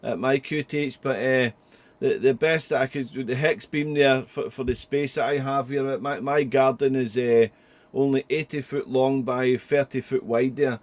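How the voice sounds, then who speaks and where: A man's voice: mid-range voice, steady tone, moderate pace, dry recording. Man in dry-sounding radio chat. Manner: rambling, repetitive, often ending phrases with "there". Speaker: amateur radio operator. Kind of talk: casual ham radio chat. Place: small indoor home radio room.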